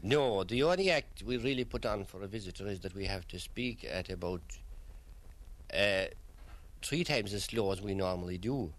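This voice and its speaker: A man with a Kerry Irish accent, answering interview questions as a local guide with measured, storytelling delivery. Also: on the low side, lively intonation, a bit bright. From County Kerry, Ireland.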